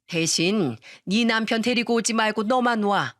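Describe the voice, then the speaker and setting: A woman's voice: medium pitch, measured pace, dry recording, studio quality, close to an everyday voice. A woman voicing a pushy, scheming middle-aged mother-in-law in a narrated radio story, demanding and accusing. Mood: coaxing.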